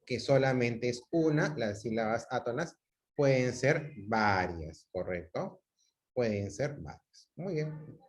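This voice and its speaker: A man from Peru teaching a class over a video call, patiently repeating examples and checking that students follow. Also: medium pitch. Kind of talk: online class lecture.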